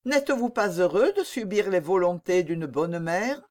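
A woman reading the part of a young princess who speaks with soft, sad firmness in an audiobook. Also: on the low side, animated, normal speed, close to an everyday voice. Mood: melancholy. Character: young melancholy princess, gentle and firm.

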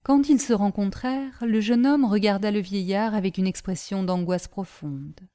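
A woman narrating a novel in a measured, literary manner. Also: medium pitch, dark tone, no room sound, studio quality.

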